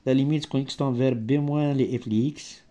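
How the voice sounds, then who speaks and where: A male maths teacher, not a native French speaker, explaining step by step in halting, broken French with grammatical slips and searches for words. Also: medium pitch, steady tone, dark tone. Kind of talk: improvised maths lesson.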